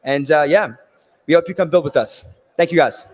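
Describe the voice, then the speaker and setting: A man with a raspy, worn voice giving a technical conference presentation, explaining things step by step and often checking in with "right?". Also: fairly high pitch, moderate pace, a little hiss or hum. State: losing his voice. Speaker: conference speaker. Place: conference stage in a large hall. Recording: long hall reverb.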